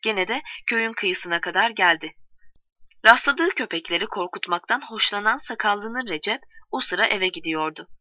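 Female storyteller, measured read, dry and distant on a dull recording. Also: lowish voice, no echo. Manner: calm measured reading, voicing quoted lines. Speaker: narrator. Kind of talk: storybook narration.

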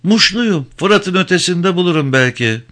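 A man doing a high, earnest old village woman. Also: animated, normal speed, fairly bright tone. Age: 50s. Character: poor barefoot old village woman searching for her son.

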